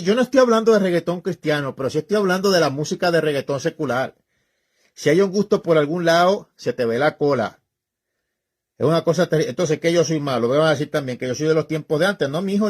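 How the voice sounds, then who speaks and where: A man preaching in a colloquial, emphatic way, scolding his listeners directly and pressing each point with repetition. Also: a little high. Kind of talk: informal preaching talk.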